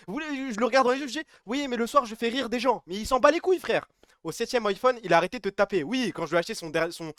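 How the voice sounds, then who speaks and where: High-voiced, animated streamer man. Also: no echo, clean studio sound. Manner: animated, joking, reads chat aloud, swings loud and soft. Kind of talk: casual late-night stream chat.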